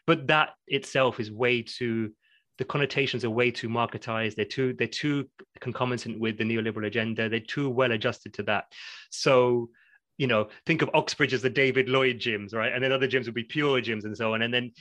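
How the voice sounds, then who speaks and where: A man's voice: mid-range voice, a bit bright, dry recording. A man, a podcast guest speaking reflectively and at length, with light laughs as he explains ideas. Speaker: podcast guest, academic in learning development. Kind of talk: conversational interview.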